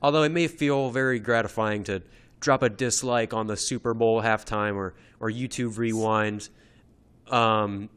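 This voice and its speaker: A man's voice: fairly low pitch, fairly even intonation, a little slow, fairly bright tone, smooth. A young man co-hosting a casual podcast, rambling with many fillers and frequent laughs. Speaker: podcast co-host. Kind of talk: casual chat.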